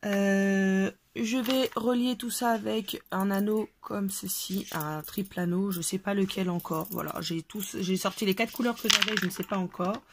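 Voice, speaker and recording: A woman talks through a craft tutorial in a relaxed, chatty way, pausing often with fillers as she works. Her voice sits in a middle range. Steady background noise runs under the home recording. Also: medium pitch. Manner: chatty, hesitant with many fillers.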